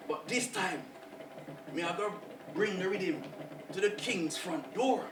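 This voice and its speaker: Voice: mid-range voice, animated, slow, noisy background. A performer doing a sly Jamaican trickster spider spirit. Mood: sly boastful. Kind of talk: spoken-word performance. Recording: roomy distant voice over music.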